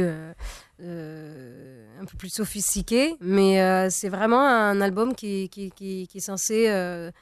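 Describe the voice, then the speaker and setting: A young woman from Tunisia, a native Arabic speaker, talks through an interview as a singer, pausing often and restarting her sentences. Her voice is smooth and resonant, recorded close and dry. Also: medium pitch, no room sound. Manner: hesitant, many fillers and restarts. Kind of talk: interview conversation.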